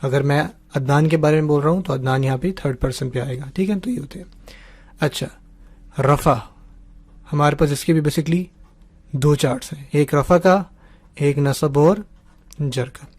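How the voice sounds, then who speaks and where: A man's voice: a little high, moderate pace, pauses often, a little mellow, dry recording. A man teaching Arabic grammar in an online class, patiently explaining and leading students through repeated drills while he writes on a board.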